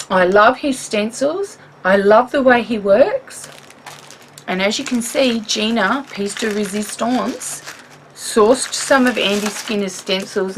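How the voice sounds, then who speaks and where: A woman with an Australian accent chatting in a home craft vlog, animated and rambling, laughing often as she shows things. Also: mid-range voice, slight background noise, rough recording. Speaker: craft vlogger. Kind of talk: chatty show-and-tell vlog.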